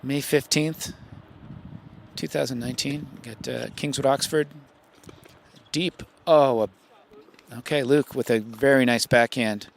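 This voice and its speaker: A man at mid pitch calls a school tennis match from the courtside in a casual, chatty way, heaping praise on good shots. He is a coach doing play-by-play, and faint outdoor noise hums under his voice. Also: steady tone, a little slow, creaky, pauses often. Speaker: coach and commentator.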